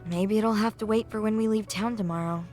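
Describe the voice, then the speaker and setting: A woman's voice: medium pitch, fairly even intonation, a little fast, a little mellow, soft background music, close to an everyday voice. An actress voicing a level-headed, protective young woman in a game, speaking bluntly and steadily. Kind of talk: game voice acting.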